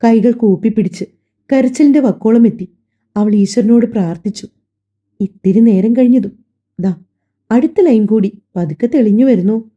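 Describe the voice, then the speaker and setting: A woman narrating an emotional family story, her voice very dark and mellow. She reads calmly and steadily, and the recording has a slightly dull, lo-fi sound. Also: on the high side, normal speed, pauses often. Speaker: audiobook narrator.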